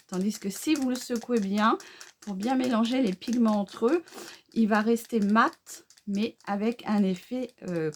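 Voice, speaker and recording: A middle-aged woman, chatting homely and unhurried through a makeup tutorial, with fillers and self-corrections. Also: mid-range voice, a little mellow, a little hiss or hum. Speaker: beauty vlogger. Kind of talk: casual makeup tutorial chat.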